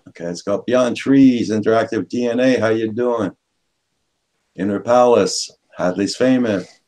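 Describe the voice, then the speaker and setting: Brisk man greeting stream viewers. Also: fairly low pitch, low-quality recording. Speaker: stream host. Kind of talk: live stream chat shout-outs.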